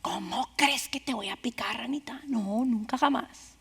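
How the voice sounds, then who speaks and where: A woman voicing a sly, deceitful scorpion that pleads in a whiny, soft voice in a church sermon fable. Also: on the high side, a little slow, breathy edge, exaggerated voice. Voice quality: whiny, wheedling and soft, dropping to a whisper. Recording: reverberant church hall.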